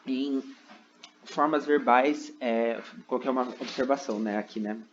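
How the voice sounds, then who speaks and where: A man's voice: medium pitch, a little slow, slight background noise. Man, teacher, step-by-step explaining, frequent check-ins, dull home recording. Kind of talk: recorded online lesson. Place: seated at a computer indoors.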